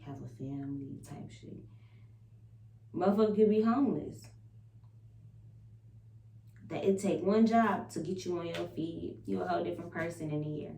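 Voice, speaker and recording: A woman's voice: on the low side, gravelly, warm tone. A woman vlogger chatting casually and confessionally to viewers, candid and emphatic, swearing freely and repeating affirmations. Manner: candid, emphatic, profanity-laced, repetitive self-affirming. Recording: roomy echo, distant mic, faint hum.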